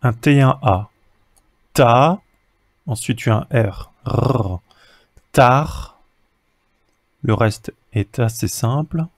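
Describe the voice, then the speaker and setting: Slow, patient French-speaking man teaching reading. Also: medium pitch, dry recording, clean studio sound. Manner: patient, sounds out letters and syllables one by one. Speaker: reading teacher for young children. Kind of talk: slow syllable-by-syllable reading lesson.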